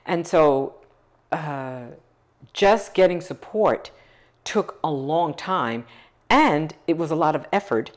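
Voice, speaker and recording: A woman's voice: low-pitched, lively intonation, takes it slowly. A middle-aged woman, a nonprofit founder, speaking earnestly and emphatically in a documentary interview.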